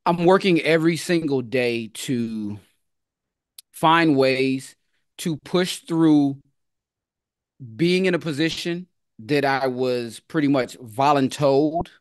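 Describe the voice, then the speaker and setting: A man's voice: medium pitch, takes it slowly, no room sound, studio quality. Easygoing man co-hosting an educators' podcast. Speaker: educator, co-host. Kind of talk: casual podcast chat.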